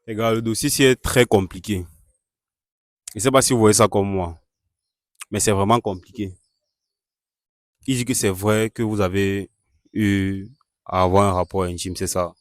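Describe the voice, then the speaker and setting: A man hosting a staged street-interview skit, questioning a couple and repeatedly urging an angry guest to calm down. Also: on the low side, a little slow, long pauses, no echo, studio quality. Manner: keeps urging calm, repeats calming phrases.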